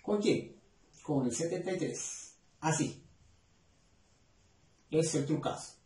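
Lively high-voiced male teacher, echoey room. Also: far from the mic. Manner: coaxing, asks many quick questions. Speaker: math teacher. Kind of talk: explaining a lesson to children. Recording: echoey room, voice away from mic.

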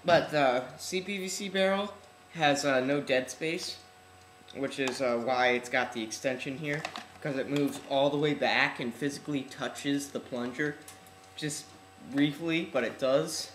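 A man's voice: mid-range voice, measured pace, a bit bright. Teenage guy in an echoey, noisy room. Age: teens. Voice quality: slightly odd articulation from braces and palate expander. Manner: offhand, slangy. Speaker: hobbyist video host. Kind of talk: casual unscripted vlog demonstration. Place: large room at home, indoors. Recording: echoey room, noisy webcam-style audio.

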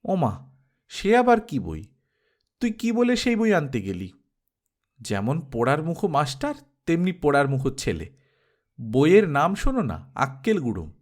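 A man's voice: on the high side, sing-song, normal speed, pauses often. A male storyteller voicing an older village aunt who scolds her nephew sharply. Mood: scolding.

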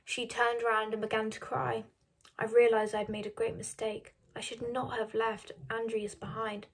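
A woman reading a novel aloud, measured and dropping soft on narration. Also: on the high side, little pitch movement, breathy edge. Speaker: reader of a novel.

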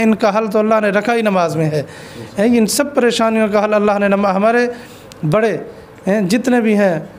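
A high-voiced Islamic cleric answers an interview question with an earnest, exhortative sermon. He weaves stories into his answer.

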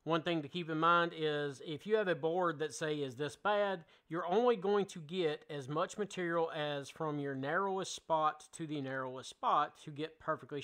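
A man's voice: a little high, a bit bright. Plainspoken man explaining a shop jig. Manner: plainspoken, explains step by step with fillers. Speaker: woodworking channel host. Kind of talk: casual how-to tutorial. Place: home woodworking shop, indoors.

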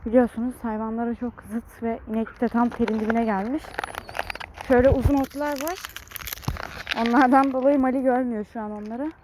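A woman with a high voice chats casually to her viewers while out on a rural farm. She is recorded outdoors, with faint noise in the background. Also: steady tone, fairly quick. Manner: talks to viewers, then shouts sharp commands at the dogs. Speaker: vlogger walking her dogs. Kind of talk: casual vlog talk to viewers.

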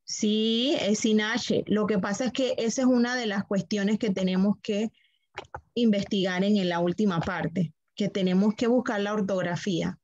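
A woman's voice: mid-range voice, steady tone, moderate pace, a little mellow, dry recording, muffled recording. A woman teaching a computer class online, walking students through steps patiently, repeating them and checking that they follow.

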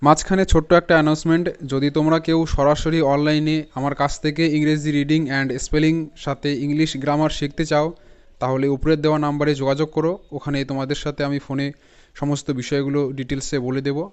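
A man teaching English phonics, spelling words out letter by letter and repeating each sound slowly. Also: a little high, darkish tone, smooth, highs cut off. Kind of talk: phonics lesson.

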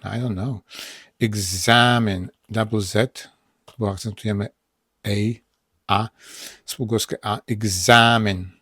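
A man with a Polish accent teaching English pronunciation in a casual spoken lesson, saying words over and over slowly. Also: lowish voice, steady tone, slightly rough, no room sound, studio quality. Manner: repeats words slowly, drilling them aloud.

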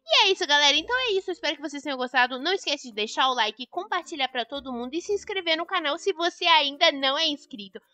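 A woman, hosting and signing off her video in a quick, bubbly way. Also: high voice, animated, bright, forceful tone, dry recording. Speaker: channel host. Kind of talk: cheerful video outro.

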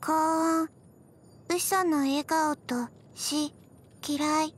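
A small undead zombie girl speaks slowly in a high voice, deadpan and halting, soft-spoken with frequent pauses. She is gentle, forgetful and emotionless, sounding flat and drowsy in scripted video game voice lines.

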